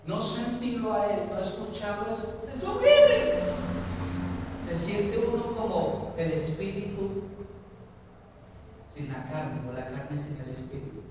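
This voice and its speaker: A male pastor preaching a sermon, with sudden loud climbs and pleading cries, often asking the congregation questions. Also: high-pitched, a little slow. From Colombia. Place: church hall. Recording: echoey church hall from far off, noisy.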